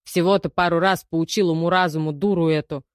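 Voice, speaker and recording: A woman reading the part of a defensive male ex-convict under questioning, loud and grumbling. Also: lowish voice, steady tone, brisk, no room sound, studio quality, natural voice. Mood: defiant protest.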